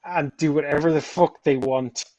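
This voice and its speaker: A man's voice: fairly high pitch, fairly even intonation, moderate pace, warm tone, muffled recording. A man chatting casually on a voice call, rambling and playful, laughing often. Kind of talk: casual chat.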